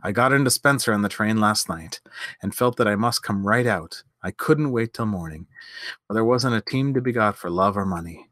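A man voicing a sturdy young man, a warm big brother who speaks soberly and earnestly, in a storybook reading. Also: on the low side, moderate pace, no echo, studio quality, lightly acted.

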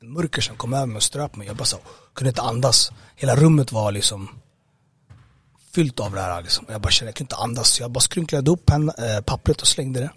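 A man giving a personal testimony in an interview. He talks conversationally and haltingly, with many fillers and repeated words. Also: medium pitch, a bit bright, dry recording. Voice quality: husky. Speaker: interview guest.

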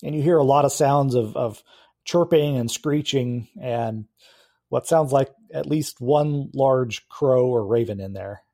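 A man leads a tabletop game as game master. His voice is mellow and dark, and his narration is relaxed, with small pauses and fillers. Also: mid-range voice.

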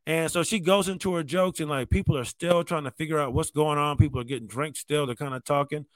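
A man's voice: fairly high pitch, quick pace, no echo. A male stand-up comedian telling stories in a loose, conversational way, often saying "man" and "like". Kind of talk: casual storytelling monologue.

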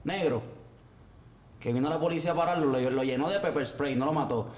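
A man in a casual podcast conversation who cuts in with quick, slangy remarks. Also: a little high, a little mellow. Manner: interjecting, slangy, fast retorts. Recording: echoey room.

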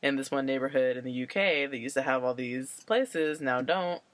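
Low-voiced, rambling podcast co-host woman. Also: normal speed. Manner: laughs easily, rambling, explaining. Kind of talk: casual chat.

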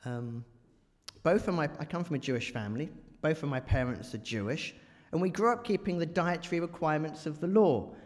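The speaker, an English guest preacher, jokes and chats with a congregation in a large church and quizzes the audience as he goes. His slightly mellow voice is on the high side and fairly quick. The recording echoes with the reverberation of the church hall.

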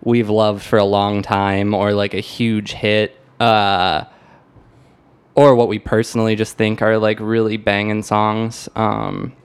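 A young American podcast host chats about music in a smooth, fairly low voice, with a flat delivery and slow pace. He rambles and hesitates, often interrupting himself and circling back to earlier points.

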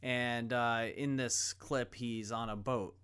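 Clear-voiced man preaching a sermon. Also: mid-range voice, steady tone, slow, fairly bright tone. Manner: conversational storytelling, acts out quoted dialogue. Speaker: pastor.

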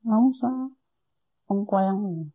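Husky older woman on a tinny tape. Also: medium pitch, slow, soft background music. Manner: hesitant, stumbles and repeats words, deferential. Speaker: meditation disciple. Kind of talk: asking a teacher for advice.

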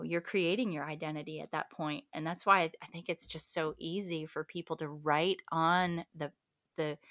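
A woman co-hosting a casual podcast, telling a personal story in an animated way and acting out quoted speech, then dropping to a hushed, reflective tone. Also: no echo, studio quality. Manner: animated storyteller who acts out quoted speech with big pitch jumps; drops to a hushed, reflective tone at key moments. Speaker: podcast co-host.

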